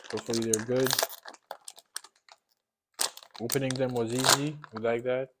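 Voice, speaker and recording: A man's voice: medium pitch, level tone, moderate pace, very noisy. A man giving a casual, unscripted taste-test review while eating sour candy, often repeating and rephrasing himself.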